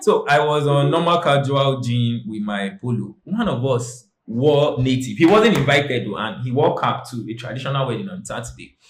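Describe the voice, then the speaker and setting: A young adult Nigerian man on a TV talk panel, animated and storytelling, who slips into pidgin. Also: mid-range voice, normal speed, hardly any pauses, slight background noise. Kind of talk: casual panel discussion. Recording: roomy studio echo.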